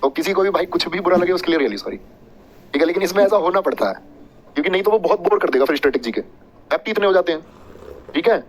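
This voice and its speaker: A man's voice: high voice, expressive, quick pace, long pauses, poor audio. A man teaching an exam-prep class, joking and chatty, drilling points with repetition and mnemonic stories.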